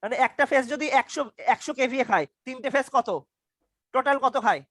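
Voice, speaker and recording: A man's voice: very high voice, brisk, a bit bright, no echo. A young man teaching an online university lecture over a video call. He stammers, repeats his questions and quizzes his students. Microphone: computer mic on a video call.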